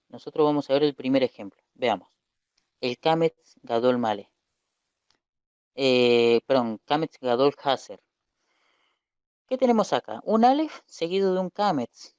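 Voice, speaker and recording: A man's voice: fairly high pitch, darkish tone, smooth, no room sound. Patient man teaching Hebrew vowels. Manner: patient, repeats points slowly with fillers and self-corrections. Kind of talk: recorded video lesson. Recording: dull lo-fi dry recording.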